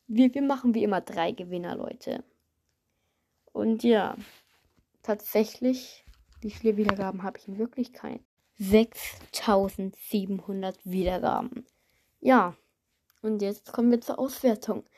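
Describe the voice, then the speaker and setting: Creaky, mellow woman announcing giveaway results. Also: mid-range voice, a little slow. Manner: informal, chatty, reading comments aloud and reacting. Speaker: video host.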